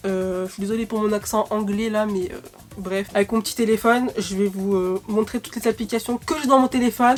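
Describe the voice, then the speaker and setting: A young woman with a cold, coughing now and then, chatting casually and rambling with lots of fillers in a vlog. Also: fairly high pitch. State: sick, coughing. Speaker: YouTuber.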